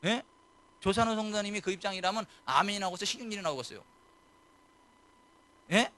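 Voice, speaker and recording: A man's voice: high voice, animated, fairly quick, pushed and bright. A man preaching as pastor at a late-night church service, questioning his congregation and pressing his points home. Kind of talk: sermon.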